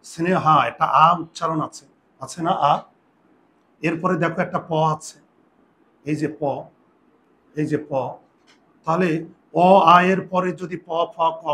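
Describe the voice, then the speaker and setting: A man teaching a grammar lesson, dictating rules slowly and checking often whether his students follow. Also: on the high side, a bit bright, slight background noise. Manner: slow, deliberate dictation with repeated questions to students. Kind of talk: classroom lesson.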